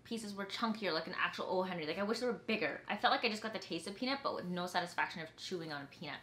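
A woman's voice: lowish voice, lively intonation, racing, a bit bright, reverberant. A young woman hosting a casual taste-test vlog with friends, bubbly and laughing often. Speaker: vlogger host. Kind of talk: casual chat.

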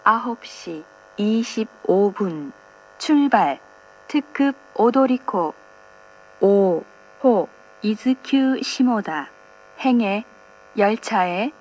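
A woman making formal train announcements over a station PA loudspeaker, slow and even. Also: a little high, dull audio. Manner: slow, formal, evenly paced.

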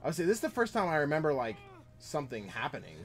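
A man's voice: on the high side, very animated, very fast. Chatty male streamer playing and reading chat, faint music behind. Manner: rambling, chatting with viewers while playing. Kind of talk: casual gameplay chat.

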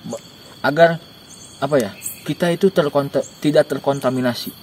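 A young man giving joking, animated camping tips outdoors in a dark forest at night, recorded by a camera a few steps away. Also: a little high, normal speed, a little hiss or hum. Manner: joking, animated, gestures while talking. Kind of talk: casual outdoor interview. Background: faint insects and crickets.

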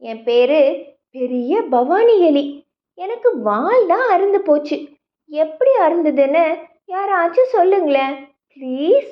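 A woman's voice: high voice, very animated, slow, long pauses, voice pushed up, exaggerated voice. A woman voicing a worried little female rat who has lost her tail and pleads for help, on a slightly dull recording. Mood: pleading. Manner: pleading, fretful.

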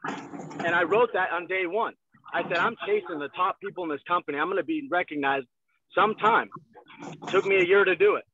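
A man in his twenties giving an energetic motivational sales talk from a car, heard over a video call. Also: high voice, brisk, slight background noise. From Texas. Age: 20s. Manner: energetic, gestures a lot, repeats phrases. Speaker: guest salesman. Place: in a parked car. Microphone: phone on a video call. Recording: thin phone-like video call audio.

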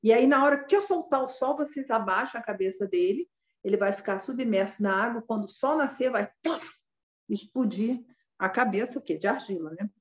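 A compassionate male ascetic speaks in a patient, explanatory way, as a woman puts him on. His voice sits somewhat above her normal pitch, and he keeps pleading his case. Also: brisk, reverberant, natural voice. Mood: reasoning, compassionate.

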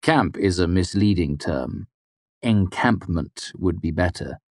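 A man narrating a fantasy novel in the first person, with a measured storytelling delivery. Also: deep voice, lively intonation, no room sound, studio quality. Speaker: audiobook narrator.

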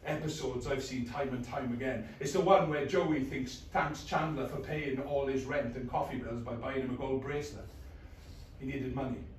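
A man in his thirties, an actor in a rehearsed reading, performs an intense, brooding scripted monologue in short, clipped phrases. His medium-pitched voice is steady at normal speed. A distant camera across a small, bare rehearsal room captures echo and faint noise.

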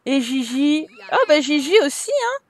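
This young woman's high-pitched voice swings widely in pitch, and she speaks unhurriedly. As a gameplay YouTuber doing casual let's play commentary, she chats with her characters and giggles frequently.

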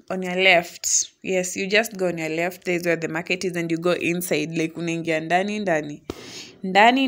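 Chatty young Kenyan woman vlogger. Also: fairly low pitch. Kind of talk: casual vlog voice-over mixing English and Swahili slang.

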